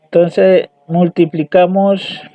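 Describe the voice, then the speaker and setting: Hesitant young male student, high voice, slow delivery, reading results over lo-fi dry audio. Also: little pitch movement, no echo. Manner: hesitant, halting, repeats words and restarts. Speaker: student presenting homework. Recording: dry tinny phone-like audio.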